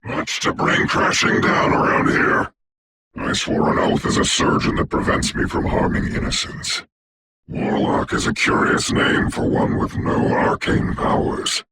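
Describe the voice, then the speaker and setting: A man voicing a proud, grave sorcerer doctor in a video game, speaking formally and theatrically in a rough, whispery voice. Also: a little slow, background noise, lightly acted. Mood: commanding, proud. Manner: grandiose, formal, archaic, solemn delivery. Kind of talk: theatrical game character voice lines.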